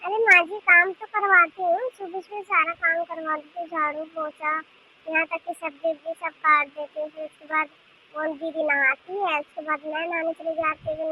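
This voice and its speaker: A woman voicing a polite, hardworking younger daughter-in-law in an animated cartoon, explaining eagerly and at length. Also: very high voice, narrow, tinny audio.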